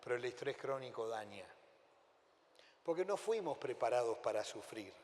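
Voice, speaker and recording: A middle-aged man with a Rioplatense Spanish accent, a pastor and psychiatrist giving an animated sermon that tells stories and asks the audience questions. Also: medium pitch, normal speed, a little hiss or hum. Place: church hall. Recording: long hall reverb in a church.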